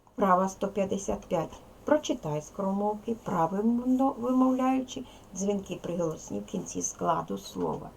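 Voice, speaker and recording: A woman's voice: medium pitch, moderate pace, creaky, darkish tone, a little hiss or hum, poor audio. A woman teacher giving a video lesson to young pupils, carefully over-pronouncing sounds and giving instructions. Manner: addresses pupils with instructions and questions. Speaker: primary school teacher. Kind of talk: video language lesson for children.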